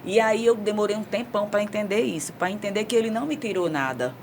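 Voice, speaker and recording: A woman's voice: mid-range voice, fast, slight background noise. A woman in her forties with a Northeastern Brazilian accent, candidly telling a personal story on a talk show. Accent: Northeastern Brazilian Portuguese. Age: 40s. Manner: candid, storytelling, animated retelling. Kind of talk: casual talk-show chat.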